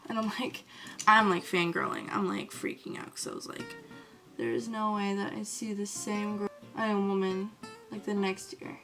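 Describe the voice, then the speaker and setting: A woman vlogging casually about skincare, gushing and excitable, with "like" in almost every phrase. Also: medium pitch, moderate pace, faint music behind. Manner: gushing, excitable, fills talk with "like". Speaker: beauty vlogger. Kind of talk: casual storytelling to camera.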